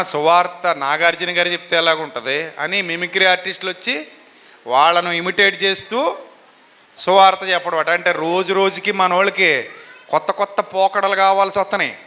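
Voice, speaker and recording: Animated man preaching in a reverberant hall. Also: high voice. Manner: animated, questions the congregation and has them answer. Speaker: pastor. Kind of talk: sermon.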